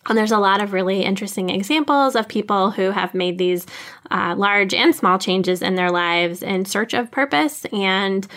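A woman co-hosting a casual podcast, summarizing a book in a measured way with frequent "um" and "so". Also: mid-range voice, a bit bright. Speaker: podcast co-host. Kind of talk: casual book-recommendation chat.

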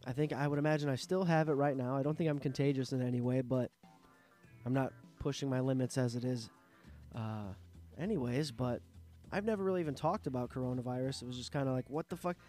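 A man's voice: mid-range voice, fast talker, dark tone, faint music behind. Nasal sick man rambling on a podcast. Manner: rambling, profane, self-interrupting. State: sick, sore throat and coughing. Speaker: podcast host. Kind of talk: casual solo podcast monologue. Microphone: studio microphone.

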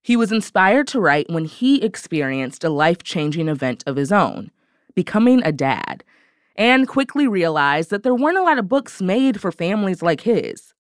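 A woman's voice: fairly low pitch, very animated, normal speed, clean tone, no room sound, studio quality. A woman hosting a podcast, delivering scripted narration in a friendly storytelling manner. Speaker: podcast host.

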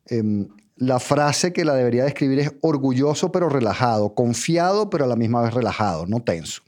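A man giving a public speaking lesson, talking straight to the listener in numbered steps and checking in with a quick "ok?". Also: medium pitch, expressive, a little mellow. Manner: direct, addresses listener as tú, numbered steps, frequent "¿ok?". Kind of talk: instructional talk.

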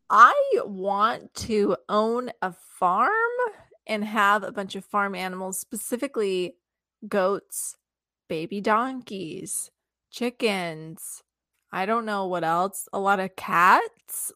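A woman co-hosts a podcast in casual, upbeat chat and drops playful asides as she goes. Her voice sits at an ordinary pitch. The sound is dry and close, with no room around it. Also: sharp tone, no room sound. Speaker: podcast co-host.

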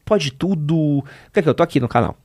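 A man hosting a casual podcast, cracking jokes and thinking aloud with quick interjections. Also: a little high, lively intonation, a little mellow, husky, no echo, studio quality. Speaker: podcast host. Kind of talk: casual chat.

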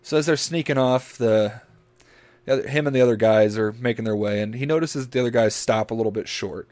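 A man's voice: mid-range voice, brisk, a little mellow. Crude joke-telling man. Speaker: podcast co-host. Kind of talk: casual podcast chat.

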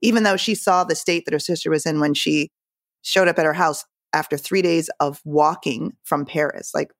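A woman with a fairly low voice talks through a novel she has strong feelings about. She is emphatic and pushes her voice higher when she quotes the characters. The sound is dry and close. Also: steady tone, normal speed, dry recording. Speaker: book club member. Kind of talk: casual book discussion.

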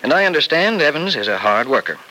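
Blunt older doctor, brisk and bright-toned, 1940s radio play. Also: male voice, fairly high pitch, sing-song, exaggerated voice, low-quality recording. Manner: blunt, matter-of-fact, chuckling.

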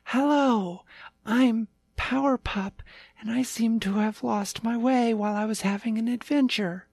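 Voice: mid-range voice, a little slow, a little mellow, no echo, pitched above the performer's own voice. A storyteller doing a chatty little lost puppy. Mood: eager. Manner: rambling, run-on sentences. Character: small lost male puppy, eager and chatty.

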